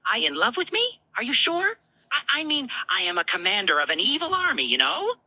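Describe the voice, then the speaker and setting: A woman's voice: a little high, huge pitch swings, a little fast, sharp tone, breathy edge, dry recording, voice pushed up, heavily acted. A woman voicing a small male alien army commander who flirts in a flustered, hesitant, teasing way for a fan fiction roleplay dub. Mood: unsure, teasing.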